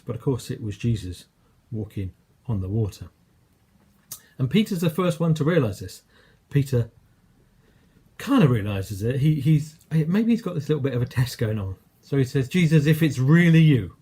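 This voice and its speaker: A man's voice: mid-range voice, mellow, breathy edge. A man with an English accent preaching a sermon, telling a story in a conversational way and acting out quoted lines.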